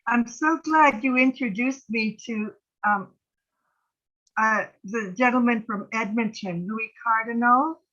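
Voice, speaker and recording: A woman in her late seventies speaking with missing front teeth, chatting effusively and haltingly on an online call. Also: a little high, fairly bright tone. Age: late 70s. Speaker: participant in an online gathering. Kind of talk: casual video-call chat. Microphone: video call microphone. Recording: muffled, band-limited online call audio.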